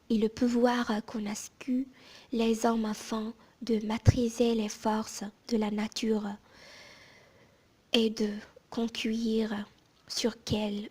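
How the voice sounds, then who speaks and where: A woman reading aloud from a book in a soft, hushed ASMR whisper, like in a library, mostly unvoiced, with careful phrasing and small pauses. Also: a little high, slightly rough.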